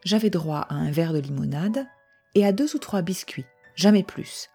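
Husky, mellow woman reading a story. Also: lowish voice, faint music behind. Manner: calm, measured reading with voiced dialogue. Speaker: narrator reading a short story. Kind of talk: storybook reading of a first-person memoir.

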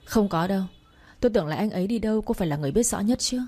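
A woman voicing a sharp-tongued young woman who speaks quickly and cuttingly. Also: mid-range voice, expressive, close to an everyday voice. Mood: reproachful.

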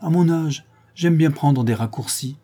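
A man's voice: a little high, unhurried, mellow, slightly rough, voice pushed up. A man voicing a scheming old peasant woman who herds goats, speaking in a quavering, sly voice. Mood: wheedling.

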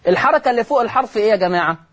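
A man's voice: high-pitched, lively intonation, fairly bright tone. A man with an Egyptian accent teaching Quran recitation rules on television, repeating each rule and answering his own questions. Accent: Egyptian Arabic. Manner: slows to chant example words.

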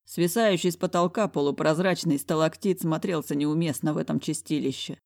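A woman reading a first-person audiobook narration in a wry, even storytelling manner. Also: low voice, fairly quick, gravelly, no echo, clean studio sound.

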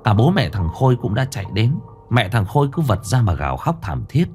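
A man narrates a ghost story in a dramatic, expressive manner. His voice sits low but swings widely in pitch. Faint background music plays under him. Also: a little fast.

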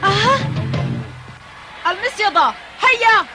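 A woman voicing a confident, competitive young boy footballer in an animated series, bold and rallying. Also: extremely high pitch, slow, exaggerated voice. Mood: confident challenge. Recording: loud music under the voice. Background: loud music.

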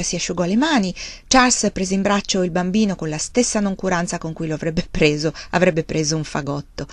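A woman reading a novel aloud as narrator, measured and soft, slowing on key words. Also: fairly low pitch, no room sound. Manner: measured, soft, with slowed emphasis.

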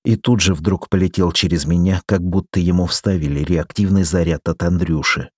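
A man narrating a story in the first person, measured and steady. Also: deep voice, breathy edge, dry recording, clean studio sound. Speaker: audiobook reader.

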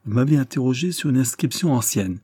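A man reading an audiobook puts on a proud young man with a raised, pushed voice, clipped and on the defensive. The voice sits above the reader's own, with a husky, dark grain and dry, close sound. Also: medium pitch, lively intonation, a little fast, dry recording, voice pushed up. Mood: guarded. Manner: clipped and defensive, flaring into agitation. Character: proud, guarded young man, quick to anger. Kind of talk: audiobook character voice.

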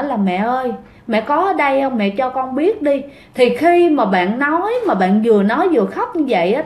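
A woman's voice: high voice, darkish tone, echoey room. A woman narrating ghost stories in a chatty way, often speaking straight to her listeners. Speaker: storyteller host. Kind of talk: casual ghost story narration.

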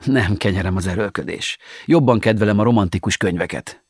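A man's voice: on the low side, slightly rough, no room sound, clean studio sound. A man reading the part of a boastful young man with surgically fake muscles, chatting breezily with his lover.

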